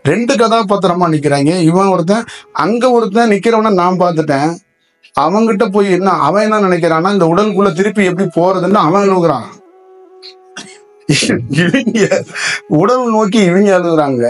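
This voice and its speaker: A man's voice: high-pitched, moderate pace. Spiritual teacher, male, slightly raised voice, loose rambling delivery, faint music underneath. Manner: rambling, asks many rhetorical questions. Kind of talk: spiritual discourse to listeners.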